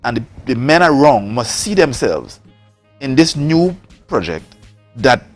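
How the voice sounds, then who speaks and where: A politician from Tobago with a Trinidad and Tobago accent appears as a guest on a morning talk show. He argues his political case forcefully in a medium-pitched voice, repeating words for emphasis.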